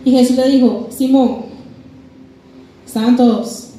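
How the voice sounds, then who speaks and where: A woman's voice: on the high side, moderate pace, a little hiss or hum. A woman preaching a sermon, passionately acting out the dialogue of the scripture story. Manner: impassioned, acts out dialogue between biblical figures. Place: church. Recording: echoey church hall with music. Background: soft music.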